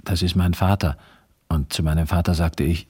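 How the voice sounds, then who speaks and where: Deep-voiced man narrating a radio play. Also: steady tone, normal speed, a little mellow, slightly rough. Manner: earnest, storytelling.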